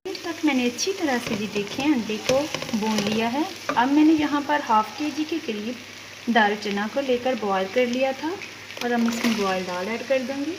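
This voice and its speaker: Her voice fairly high and her pace moderate, a woman with a Pakistani Urdu accent presents a recipe on her cooking channel from the kitchen stove, with background noise of sizzling oil and stirring. She is polite and methodical, stating quantities one step at a time.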